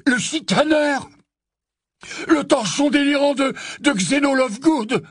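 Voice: medium pitch, animated, normal speed, dry recording, clean studio sound, voice pushed up, natural voice. A reader voicing a gloomy grown man who speaks in a heavy tone in an audiobook. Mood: glum. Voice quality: heavy, glum.

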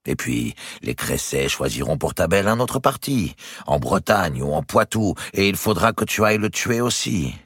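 A man's voice: low voice, very animated, moderate pace, fairly bright tone, husky, dry recording, pitched above the performer's own voice, exaggerated voice. A man voicing a wry older banker uncle, dry and cynically amused, in a storybook reading.

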